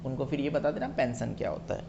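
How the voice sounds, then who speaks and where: A male teacher giving a classroom lecture, explaining each term slowly and quizzing students to check they follow. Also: mid-range voice, gravelly, lo-fi sound, noisy background. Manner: explains terms slowly, checks understanding with questions. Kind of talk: classroom lecture mixing Hindi and English.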